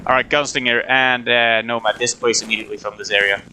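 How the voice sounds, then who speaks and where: A man's voice: mid-range voice, steady tone, fast talker. A man giving terse radio updates and orders as a squad leader in a military game. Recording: clearly noisy game voice chat.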